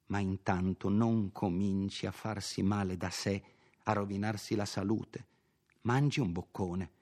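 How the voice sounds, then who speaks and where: A man voicing a sharp-tongued, bossy middle-aged housekeeper in an audiobook, scolding and insistent. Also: on the low side, fairly even intonation, unhurried. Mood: lecturing. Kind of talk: audiobook character voice.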